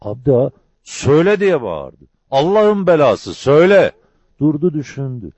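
A man's voice: mid-range voice, very animated, moderate pace, mellow, slightly rough, no echo. A man voicing a harsh village landlord who bellows threats. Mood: demanding. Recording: dull lo-fi dry recording.

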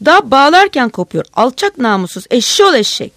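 A woman voicing a frustrated male policeman who pleads and then shouts angrily. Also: high-pitched, very animated, a little fast, vocal fry, dry recording, full character voice. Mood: furious. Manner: wheedling, then shouting curses.

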